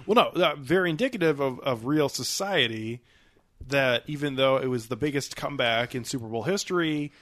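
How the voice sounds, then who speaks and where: A man's voice: medium pitch, moderate pace, a bit bright, dry recording. A man hosting a film podcast, talking casually with frequent filler words. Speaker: podcast host.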